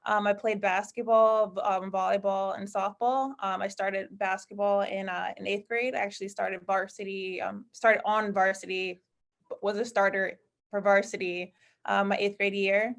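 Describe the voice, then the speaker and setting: A woman's voice: medium pitch, level tone, moderate pace, vocal fry. A woman in her thirties from Connecticut talks casually as a panel guest. She is friendly and loose, filling gaps with "um" and correcting herself as she goes. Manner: friendly, rambling with many fillers and self-corrections. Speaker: guest speaker, college basketball staff. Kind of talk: casual panel talk on a video call.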